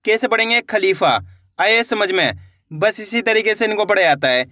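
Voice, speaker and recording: A man teaching Hindi reading, who says each word slowly and repeats it, then gives quick instructions to viewers. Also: high-pitched, expressive, bright, forceful tone, no room sound, clean studio sound. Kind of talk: slow word-by-word reading lesson.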